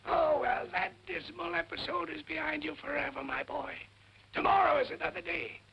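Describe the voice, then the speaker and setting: An actor playing a blustering, cantankerous older businessman with a hoarse, cracking voice, in 1940s screwball comedy banter. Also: very high-pitched, fairly even intonation, normal speed, lo-fi sound, heavily acted. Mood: pleased, brisk. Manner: indignant, blustering. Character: blustering, cantankerous older businessman uncle who hates music. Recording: noisy, crackly 1940s film soundtrack.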